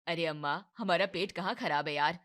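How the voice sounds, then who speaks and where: A woman voices a young husband in a cartoon family drama, soothing and evasive as he placates his wife and mother. Her natural, brisk voice drops lower and turns soft and placating for the role.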